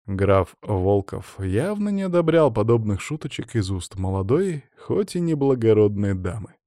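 A man giving a measured scripted narration of an audiobook. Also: on the low side, sing-song, dark tone, no echo, clean studio sound. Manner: measured storytelling.

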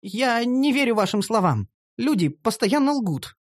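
A man's voice: very high voice, big pitch swings, unhurried, no room sound, clean studio sound, voice pushed up, full character voice. A man voicing Caramel, a prim haughty elf maiden. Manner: prim, offended, formal. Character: haughty young noble elf woman, enslaved and indignant. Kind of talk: audiobook character voicing.

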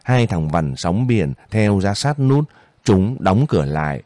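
A male narrator reads a novel aloud in a steady, even storytelling manner. His voice sits low and mellow, recorded dry and close. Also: unhurried, no room sound. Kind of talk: audiobook narration.

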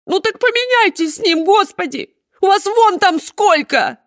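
A woman's voice: measured pace, a bit bright, no echo, clean studio sound. A woman reading an audiobook, voicing a thin, tearful woman who cries out in panic. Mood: pleading. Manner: shrill, crying out. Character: thin hysterical woman, tearful dog owner.

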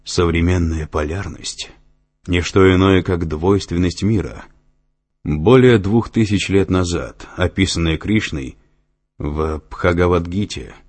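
A learned, assured brother explains at an even, measured pace in this audiobook, played by a man. His deep, husky voice gives the lines weight. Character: learned older brother, calm and assured lecturer.

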